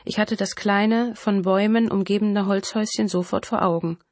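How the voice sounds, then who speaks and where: A woman reading a first-person thriller audiobook in a measured, dramatic narrating manner. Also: medium pitch, fairly even intonation, a little mellow, no echo.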